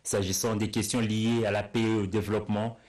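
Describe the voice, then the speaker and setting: A man reading a scripted news report in a steady, formal way. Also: fairly low pitch, brisk.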